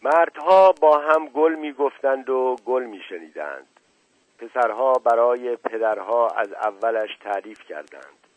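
A man narrating a literary audiobook in a steady, measured reading. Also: medium pitch, dry recording. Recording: tinny, dry, phone-like sound.

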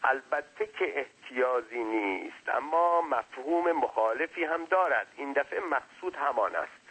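A man's voice: mid-range voice, expressive, a bit bright, slightly rough, voice pushed up, rough recording. A man voicing a small, talkative non-human servant who speaks deferentially and lectures at length. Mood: lecturing.

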